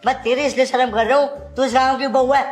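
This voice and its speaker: A brazen village repairman swaggers and threatens, as a woman plays him. The voice sits a little high, and it echoes in a hard room. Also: steady tone, fast, loud music behind the voice, lightly acted. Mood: threatening.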